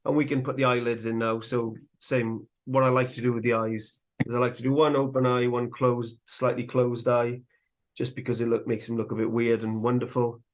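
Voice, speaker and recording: A man teaching woodcarving live, chatting in a relaxed way as he works, a little out of breath. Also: mid-range voice, normal speed. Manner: relaxed, chatty, talks while working. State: slightly out of breath. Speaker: woodcarving instructor. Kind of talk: live carving tutorial.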